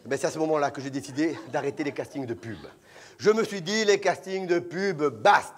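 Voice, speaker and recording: A man's voice: fairly high pitch, brisk. A man from Corsica telling playful, self-mocking stories in an autobiographical one-man comedy show.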